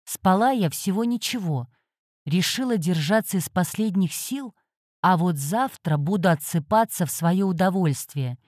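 A woman's voice: fairly low pitch, lively intonation, unhurried, darkish tone, dry recording, studio quality. A woman reading a first-person fantasy audiobook in a wry, tired manner. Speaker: audiobook narrator.

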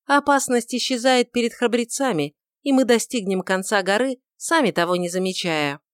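A woman voicing a proud, quick-tempered young beauty who talks in a mocking, defiant way, on a dry recording. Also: on the high side, clear, resonant tone, dry recording, pitched above the performer's own voice, lightly acted. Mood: exultant.

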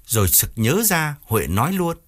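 A male narrator telling a dramatic audiobook story in an expressive, swooping delivery. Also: a little high, normal speed. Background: faint background music.

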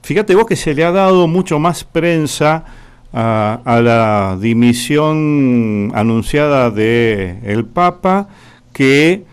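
A man with an Argentine accent hosting a radio talk show, unhurried and searching for words with frequent fillers. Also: mid-range voice, expressive, clear, resonant tone. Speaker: radio host.

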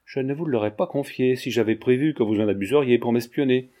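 A man voicing a proud, sharp-tongued young countess with a curt, demanding manner in an audiobook. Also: medium pitch, fairly quick, close to an everyday voice.

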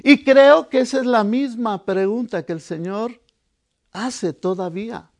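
A man with a high voice preaches in a slow, drawn-out delivery. He tells the story with drama, dropping to a hush and then rising to a shout as he acts out the voices. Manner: dramatic, acting out the disciples' voices; swings from hushed to shouted. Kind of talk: sermon.

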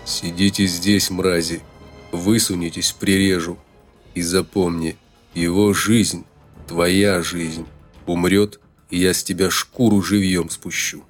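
A man's voice: deep voice, level tone, takes it slowly, soft background music. A male narrator voicing a huge, menacing fighter who growls threats with contempt.

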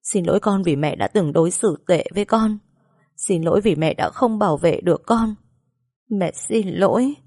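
A woman's voice: lowish voice, normal speed, darkish tone, dry recording, clean studio sound. A woman voicing a sobbing, remorseful mother. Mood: grief-stricken. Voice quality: choked, tearful. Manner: pleading, broken apologies. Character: grieving middle-aged mother, remorseful, sobbing.

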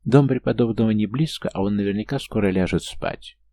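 A man with a low, gravelly voice voicing a stern, gruff middle-aged uncle with a dry manner. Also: fairly quick, warm tone, no echo.

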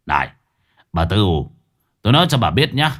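A man's voice: lowish voice, animated, brisk, a bit bright. A man voicing a defensive older male gambler who blusters back in arguments. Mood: bickering. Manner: blustering, retorts.

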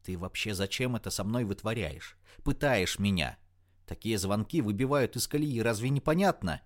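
A man voicing a quick-tempered, sarcastic young woman in an audiobook. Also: lowish voice, expressive, natural voice. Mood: angry. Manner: raised, sarcastic, snappy delivery. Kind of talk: audiobook character voice.

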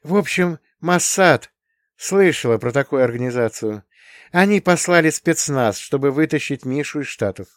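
A man reading an audiobook and voicing a gentle, worried young mother. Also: a little high, lively intonation, normal speed, no room sound, clean studio sound, voice pushed up, lightly acted.

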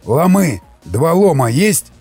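A man voicing a hot-tempered male commander who yells at his men in an audiobook. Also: on the high side, very animated, slow pace, breathy edge, faint music behind, voice pushed up, full character voice. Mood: urgent. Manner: yelling, harsh.

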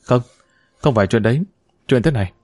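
A man reading the lines of a gentle, devoted young woman who speaks softly but is quick to protest. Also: mid-range voice, no echo, clean studio sound, lightly acted. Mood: earnest. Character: gentle, devoted young former daughter-in-law.

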